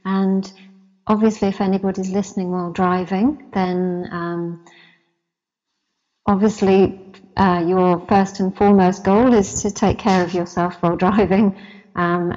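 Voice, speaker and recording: Woman interview host, lowish voice, halting and polite, muffled recording with long reverb. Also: darkish tone. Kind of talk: conversational live interview hosting.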